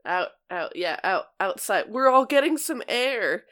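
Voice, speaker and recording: A woman's voice: medium pitch, sing-song, a little slow, fairly bright tone. A woman playing in a tabletop game podcast, chatting and joking in a loose, improvised way. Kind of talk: casual improvised group chat.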